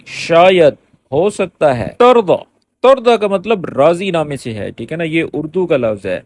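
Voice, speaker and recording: A man teaching spoken phrases in a lesson. He explains patiently, repeats each phrase slowly and keeps checking that the listener has understood. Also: sits high, a little hiss or hum. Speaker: Arabic teacher.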